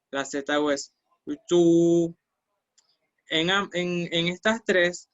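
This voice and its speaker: Guy teaching chinese sounds, talks real slow, bit high, dry mic. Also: sharp tone, no echo, highs cut off. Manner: patient, repeats syllables slowly for students. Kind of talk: online language lesson.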